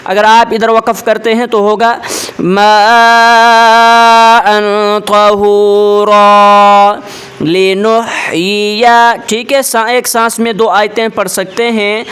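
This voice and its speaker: A man teaching a tajweed lesson, explaining word by word and then reciting verses slowly and drawn out, often checking in with his listeners. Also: high-pitched, a bit bright, smooth. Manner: checks in with repeated rhetorical questions.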